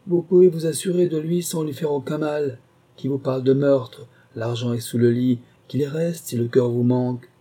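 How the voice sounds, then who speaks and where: A man's voice: mid-range voice, moderate pace, warm tone, husky, close to an everyday voice. A man reading a story, voicing a scheming, sarcastic wife who mocks and goads a burglar. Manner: cold, mocking, haughty.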